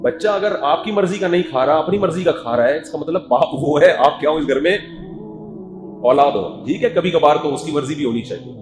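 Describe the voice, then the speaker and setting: A middle-aged man giving a religious lecture in Urdu, animated and emphatic, acting out family scenes as he talks. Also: a little high. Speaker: Islamic preacher. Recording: echoey hall with music.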